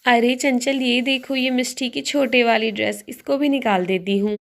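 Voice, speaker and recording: High-voiced homely storyteller woman. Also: steady tone, moderate pace. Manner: homely, gently scolding, chatty. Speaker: storyteller, elder sister-in-law figure. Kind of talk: doll story narration and voice acting.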